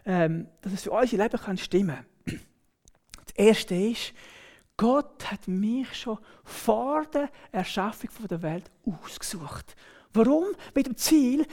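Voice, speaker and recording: A woman with a Swiss German accent, preaching a sermon emphatically, with exclaimed interjections and hushed, near-whispered phrases. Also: mid-range voice. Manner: emphatic, with exclaimed "wow" and "hey"; drops to a near whisper at times.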